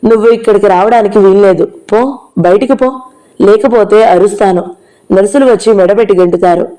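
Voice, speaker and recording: A woman's voice: mid-range voice, normal speed, mellow, lightly acted, rough recording. A woman reading the part of an angry, grieving middle-aged mother who lashes out bitterly through tears, in an audio novel. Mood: bitter, accusing. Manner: bitter, accusing, tearful.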